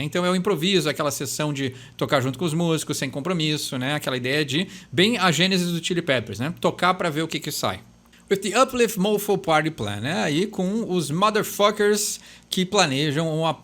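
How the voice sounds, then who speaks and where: Brazilian male lyric explainer, slightly higher voice, casual and chatty, thinks out loud, leans on "né". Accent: Brazilian Portuguese. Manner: chatty, thinks aloud, frequent tag "né". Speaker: host explaining song lyrics.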